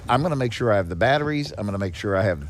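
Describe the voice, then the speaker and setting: There's slight background noise as a man with a lowish voice and lively intonation races through his explanations. He's a guest on a podcast, the executive director of a seniors nonprofit, speaking conversationally with rhetorical questions and regular check-ins.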